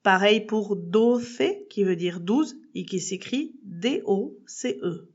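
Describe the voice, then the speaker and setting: Female podcast teacher, slow and methodical, spells out words letter by letter, slightly muffled recording. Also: medium pitch, expressive. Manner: addresses the listener as tu. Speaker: Spanish teacher. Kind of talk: podcast lesson.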